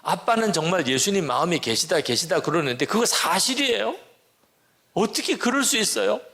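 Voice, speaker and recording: A distraught teenage girl cries out in a pleading, raised voice, as a man puts her on in a sermon. The voice rides high and gravelly. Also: very animated, moderate pace, pushed and bright, heavily acted. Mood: anguished. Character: distraught teenage daughter crying out her doubts.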